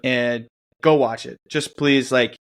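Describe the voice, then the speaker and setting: An easygoing man with a mid-pitched voice, co-hosting a relaxed podcast. He chimes in often with quick agreement and speaks in a friendly, unhurried way. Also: smooth. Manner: easygoing, agreeable, backchannels a lot. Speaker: podcast co-host. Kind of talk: casual podcast chat.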